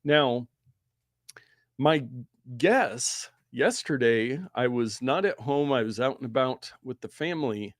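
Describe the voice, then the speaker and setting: A man's voice: mid-range voice, animated, takes it slowly, dry recording, clean studio sound. A man hosting a tech podcast in casual chat, chatty and going into detail. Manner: chatty, detailed, explains at length. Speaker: podcast host. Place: Pacific Northwest.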